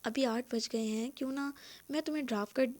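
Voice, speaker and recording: A kind young woman, read by a woman narrator, coaxes her friend gently. The voice is fairly high and soft-spoken. It comes from a read-aloud story. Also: close to an everyday voice. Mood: caring.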